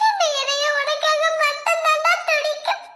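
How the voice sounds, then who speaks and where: A woman plays a heartbroken young woman in a cartoon love story, slow and tearful. Her voice is very high and bright as she pleads. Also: steady tone, exaggerated voice. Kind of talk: cartoon voice acting.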